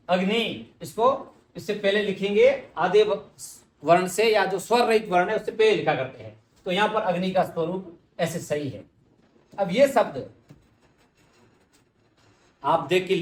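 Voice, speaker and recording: A man's voice: high-pitched, roomy sound. A man teaching spelling for exams, patiently repeating words and answering his own questions. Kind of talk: exam-prep lesson.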